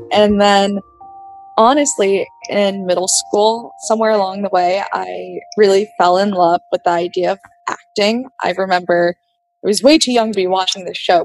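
A woman from New Mexico, USA, whose first language is Vietnamese, tells her life story as a podcast guest, casual and thoughtful with many fillers. Her voice is medium in pitch, the recording is rough, and soft music plays underneath.

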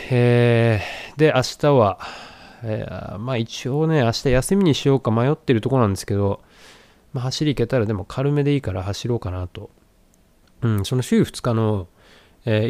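A man's voice: mid-range voice, darkish tone, dry recording. A man talking casually to a vlog about his training, thinking aloud in a reflective, conversational way. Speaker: vlogger.

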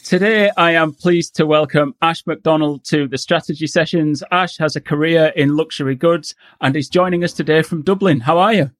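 A man's voice: fairly high pitch, fairly even intonation, normal speed, few pauses, a bit bright. A man with a Yorkshire accent, talking casually and self-deprecatingly as a podcast host. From Yorkshire, England. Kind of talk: casual chat.

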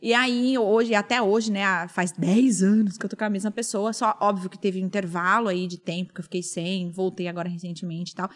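A woman's voice: medium pitch, a little fast, few pauses. A woman telling a story in casual chat, acting out the lines of the people in it. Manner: animated storyteller, acts out quoted dialogue.

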